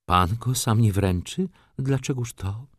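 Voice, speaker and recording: A man's voice: medium pitch, unhurried, no room sound, pitched above the performer's own voice, lightly acted. A proud young noblewoman, as a male narrator puts her on, her voice lifted above his own and kept light. Her tone is cool and composed, recorded dry and close.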